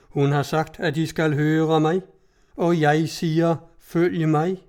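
A man voicing a proud outlaw chieftain in a storybook reading, speaking in slow, booming oratory. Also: flat delivery, darkish tone, close to an everyday voice. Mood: fierce.

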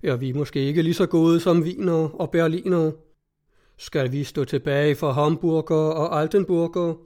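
A man's voice: a little high, steady tone, warm tone, close to an everyday voice. A man voicing an indignant townsman butcher firing off rhetorical questions.

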